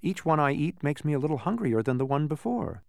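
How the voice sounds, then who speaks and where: A man's voice: a little high, big pitch swings, a little fast, creaky, no room sound, studio quality, pitched above the performer's own voice. A man voicing an earnest, puzzled young boy in a storybook, plaintive and questioning.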